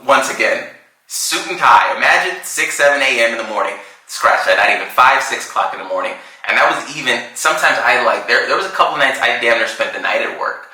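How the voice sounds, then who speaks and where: A man in his thirties co-hosting a podcast, telling a story in a casual, animated, slangy way with frequent laughs. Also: medium pitch, brisk, very echoey, poor audio. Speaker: podcast co-host.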